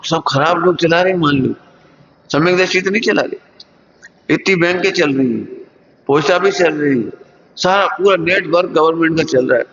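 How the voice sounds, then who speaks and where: A man's voice: a little high, a bit bright. Hindi-speaking male preacher in a reverberant hall. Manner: earnest teaching tone with rhetorical questions. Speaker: Jain preacher. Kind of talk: sermon. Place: lecture hall. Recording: dull recording in a reverberant hall.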